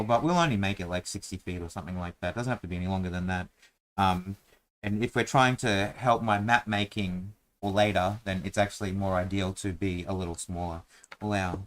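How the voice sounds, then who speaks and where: A man with a lowish voice hosts a casual chat while sketching a dungeon map. He rambles playfully and pokes fun at himself.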